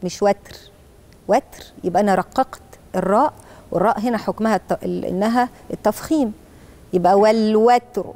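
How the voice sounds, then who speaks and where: A woman with an Egyptian Arabic accent preaches and teaches children Quran recitation, explaining each rule step by step and slowly reciting verses as a model. Her voice is mid-range with a darkish tone.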